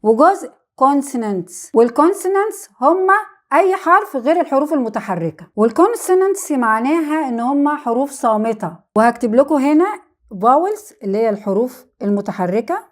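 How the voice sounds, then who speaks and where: Speaking in a high, expressive voice, a woman with an Egyptian Arabic accent teaches English vowel rules. She says example words slowly more than once and poses questions that she then answers herself.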